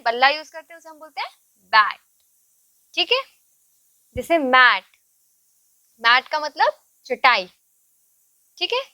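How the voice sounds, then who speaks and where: A woman teaching English words to children, patiently repeating and spelling each word slowly. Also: sits high, pushed and bright, dry recording.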